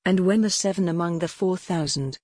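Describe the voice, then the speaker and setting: A woman reading the lines of a calm, stern male teacher in a measured, questioning way, as part of a scripture reading. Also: on the low side, husky, dry recording, clean studio sound. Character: man, calm stern teacher rebuking followers.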